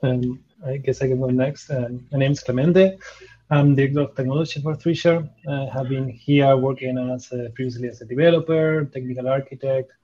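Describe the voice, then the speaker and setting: A man's voice: mid-range voice, steady tone, fairly quick, warm tone, muffled recording. A man with an Argentine Spanish accent introducing himself casually as a director of technology. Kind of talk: casual panel discussion.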